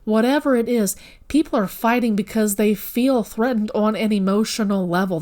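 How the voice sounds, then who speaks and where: A woman's voice: medium pitch, a little mellow. A woman giving a casual spoken tarot reading, talking straight to the viewer in an earnest, rambling way with self-corrections. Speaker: tarot reader.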